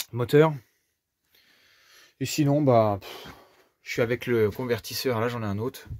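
Clean studio sound with no echo carries this young Frenchman's medium-pitched voice as he narrates a casual travel vlog to a camera at arm's length. He's chatty and rambling, full of fillers, filming in a foggy forest, a parking lot, and inside his camper van.

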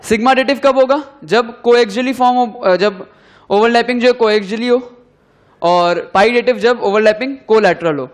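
A young male chemistry teacher with a high-pitched voice gives a classroom lecture. He dictates definitions slowly and repeats them so students can write them down. His pitch sinks at the end of each key term.

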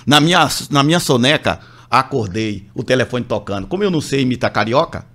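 Speaking briskly in a mid-range voice, a pastor from Brazil shares a testimony on the radio. He tells it with animation, imitating the voices of the other characters in the story.

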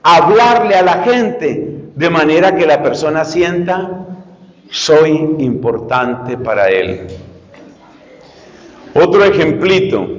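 A man's voice: fairly high pitch, big-room sound, dull audio. A man preaching a sermon, speaking straight to his listeners and repeating key phrases. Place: church retreat hall.

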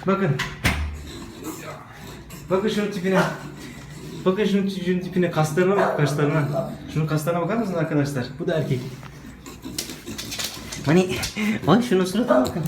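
A man vlogging casually and excitedly, cooing baby talk to puppies between remarks to his viewers. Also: sits high, moderate pace, pauses often. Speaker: vlogger showing dogs. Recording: echoey room with background noise.

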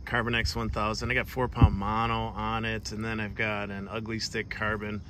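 A man vlogging while fishing at a creek outdoors, excitable and laughing often as he explains his catch. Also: on the low side, normal speed. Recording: outdoor noise in background.

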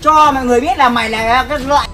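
A man harangues someone outdoors in a staged skit. His threats pour out very fast, and his voice sits high. Music plays underneath him. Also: pushed and bright. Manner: scolding, rapid-fire threats. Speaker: vlogger confronting a thief. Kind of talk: staged street confrontation skit.

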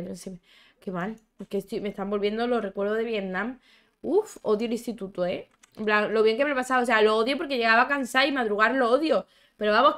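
A young woman with a somewhat high voice, chatting her way through a life-sim game. She exclaims a lot, talks back to her characters and reads out chat from her viewers in a loose, playful commentary. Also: fairly bright tone. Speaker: gaming YouTuber. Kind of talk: casual gameplay commentary.

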